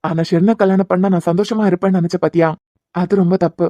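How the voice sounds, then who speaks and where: A woman's voice: lowish voice, fairly even intonation, fast, dark tone, no echo, close to an everyday voice. Woman voicing an earnest lovelorn young man. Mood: pleading. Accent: Kanyakumari Tamil. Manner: earnest, apologetic, speechifying. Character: earnest young man pleading with his love. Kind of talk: cartoon serial voice acting.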